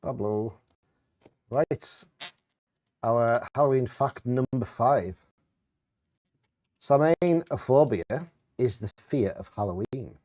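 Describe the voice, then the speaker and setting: A man's voice: medium pitch, takes it slowly, pauses often, dark tone, no echo. A man co-hosting a bingo game with casual banter and commentary. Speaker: bingo co-host.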